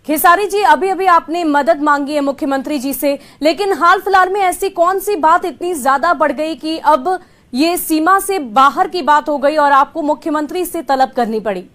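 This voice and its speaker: Casting: female news interviewer, extremely high voice, formal questioning. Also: moderate pace, fairly bright tone.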